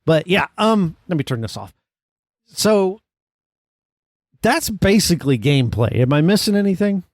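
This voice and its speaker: A man's voice: high voice, sing-song, normal speed, no echo, studio quality. A man hosting a casual gaming podcast, explaining things in a conversational way. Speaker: podcast host.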